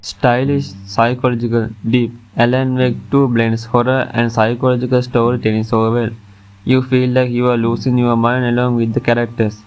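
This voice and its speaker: A man's voice: mid-range voice, little pitch movement, normal speed, clean tone, poor audio. A man reading a scripted top ten countdown as its narrator, with music playing behind him. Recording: music under the voice.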